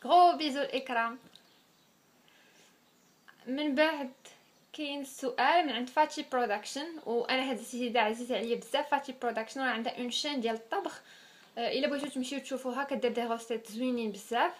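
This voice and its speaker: A woman's voice: sits high, fast talker. A woman in her twenties with a Moroccan accent, chatting casually as a vlogger answering viewers' questions and slipping French words into her speech. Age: 20s. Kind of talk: casual Q&A vlog.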